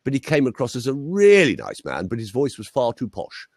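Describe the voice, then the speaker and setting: A man's voice: mid-range voice, fairly quick, slightly rough, no room sound. A man, a voice coach, telling anecdotes in a casual interview chat over a video call. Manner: lively anecdotal storytelling.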